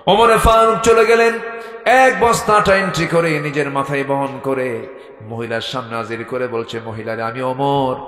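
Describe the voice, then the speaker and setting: A man preacher from Bangladesh, telling a story in a waz sermon, swinging between loud high exhortation and low hushed passages. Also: moderate pace. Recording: echoey hall with faint music.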